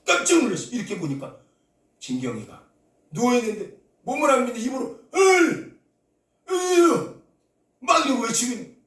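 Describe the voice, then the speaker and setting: A man preaching a Sunday sermon as the pastor, telling a story dramatically, acting out the people he quotes and rising into shouts at the peaks. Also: very high-pitched, wildly swooping pitch, fast talker. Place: church sanctuary. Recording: echoey hall, voice from a distance.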